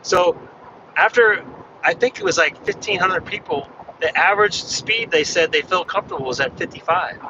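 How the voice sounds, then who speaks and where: A ham radio vlogger chats and rambles as he drives along a freeway, his high voice slightly hoarse from losing it, moving at a moderate pace. The in-car recording sounds dull and muffled, with road and engine noise throughout.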